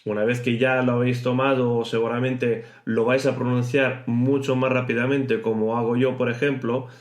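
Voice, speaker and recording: A man whose first language is Italian hosts a podcast lesson and explains pronunciation, slowing down to stretch words out. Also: mid-range voice, flat delivery. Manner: explanatory, slows to exaggerate pronunciation. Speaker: podcast host teaching Italian. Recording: roomy echo.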